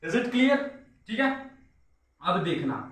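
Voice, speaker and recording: A male physics teacher giving a classroom lecture, often stopping to ask his students if it is clear. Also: high voice, sing-song, slow, fairly bright tone. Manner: repetitive, keeps asking "is it clear", says "my dear students". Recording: echoey room, mic far off.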